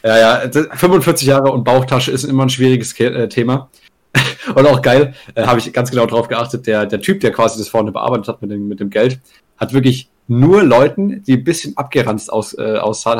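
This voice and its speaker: Fast-talking young man telling a rambling story. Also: mid-range voice. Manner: rambling, crude slang, laughs mid-sentence, many "ne?" tags. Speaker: podcast co-host. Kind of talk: casual storytelling chat.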